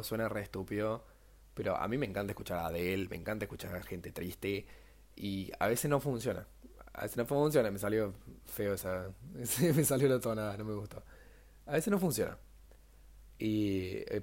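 Chatty Argentine podcaster, lowish voice. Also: male voice. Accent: Rioplatense Spanish. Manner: chatty, self-mocking, animated jumps in pitch. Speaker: podcast host. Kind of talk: casual solo podcast monologue.

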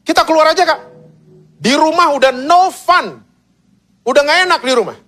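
A man's voice: very high voice, animated, normal speed, sharp tone, voice pushed up, exaggerated voice. A man voicing a cheeky youngest baby eagle who pushily urges the older siblings to leave the nest. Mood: pleading.

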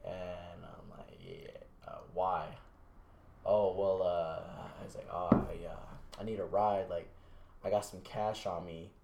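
A young man with a lowish voice tells a rambling late-night story in a casual podcast chat. He swears freely and drops into a quieter mumble whenever he quotes someone. His voice carries noticeable echo from the room. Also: slow pace, gravelly, heavy background noise. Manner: relaxed, swearing, acts out quotes in a low mumble. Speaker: podcast host. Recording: echoey room.

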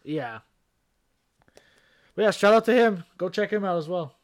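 A man co-hosting a casual podcast, swearing freely and breaking into laughter and loud outbursts. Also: high-pitched, animated, moderate pace. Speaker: podcast co-host.

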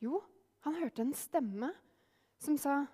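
A woman telling a folk story aloud, lively, acting out the characters' lines herself. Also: high-pitched, long reverb tail. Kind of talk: oral storytelling.

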